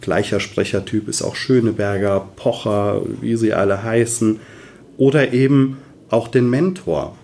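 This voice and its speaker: A man's voice: on the low side, fairly even intonation, a little slow, a little mellow. A man working as a voice coach, explaining his work enthusiastically in a conversational interview.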